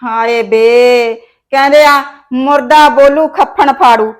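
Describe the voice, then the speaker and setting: A domineering, scheming mother-in-law, played by a woman, with a high voice. She scolds and bosses her son in a village comedy short film. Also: fairly even intonation, slow pace, clear, resonant tone.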